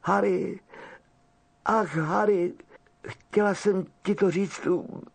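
A man's voice: sits high, steady tone, gravelly, voice pushed up. A man voicing a frightened, tearful young girl who pleads and stammers through sobs. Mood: tearful pleading.

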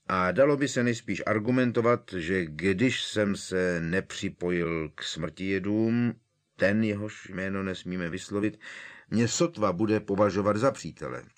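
A man putting on a fussy, vain old wizard professor, flustered and grumbling, with a deep, low voice underneath that keeps lifting into higher, fretful protests. The storybook figure hedges and mutters, reluctant at every turn. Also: natural voice.

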